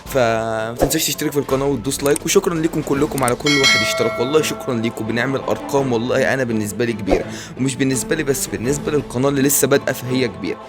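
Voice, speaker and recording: A young man with an Egyptian Arabic accent giving casual, excitable commentary over a video game he is playing. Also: medium pitch, over loud music. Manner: excitable, rapid banter and repeated exclamations. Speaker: gaming YouTuber.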